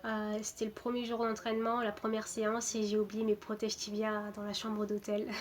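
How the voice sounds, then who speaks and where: A woman in her twenties, from Portugal, a footballer introducing herself in a casual, hesitant way with many pauses and restarts. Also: medium pitch, monotone, slight background noise. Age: 20s. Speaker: footballer interviewed. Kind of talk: casual self-introduction to camera.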